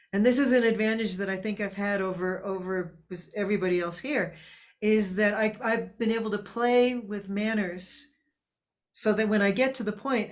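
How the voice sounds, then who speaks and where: A woman hosting an online meeting in a casual, chatty way. She laughs often and keeps asking the others to speak. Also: mid-range voice. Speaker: meeting host. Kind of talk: casual video call talk. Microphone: video call.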